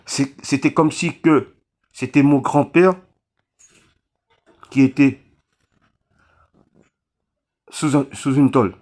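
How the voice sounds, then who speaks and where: A man from Réunion speaking straight to his viewers, halting and full of restarts, pleading for help after a cyclone. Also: medium pitch, steady tone, darkish tone. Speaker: vlogger appealing for donations. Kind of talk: emotional appeal to camera.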